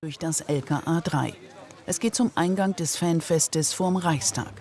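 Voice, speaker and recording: Gravelly male documentary narrator. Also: a little high, a little slow, darkish tone. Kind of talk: scripted TV narration.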